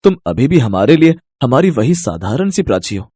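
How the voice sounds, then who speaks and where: Man doing a kind young husband, warm low voice, husky, lively pitch, dry storybook. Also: normal speed, no room sound. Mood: reassuring. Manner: gentle, reassuring.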